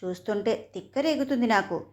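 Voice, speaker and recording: A woman's voice: fairly high pitch, fairly quick, natural voice. A woman voicing a proud young college girl who sneers at a classmate. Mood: scornful.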